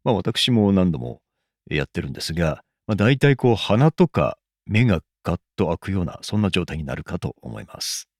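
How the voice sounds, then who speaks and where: A man's voice: low-pitched, very animated, moderate pace, dry recording, clean studio sound. A man hosting the show, recapping each segment with frequent fillers. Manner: recaps with many fillers, swooping intonation. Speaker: host summarizing segments. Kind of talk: recorded commentary between segments.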